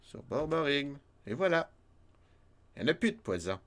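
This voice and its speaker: A man's voice: on the high side, very animated, normal speed, fairly bright tone. A man with a Québécois accent streaming a retro game, chatting and joking with his viewers and laughing often. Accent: Québécois French. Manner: chatty, jokey, laughs often, reads chat aloud. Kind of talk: casual let's-play chat with viewers.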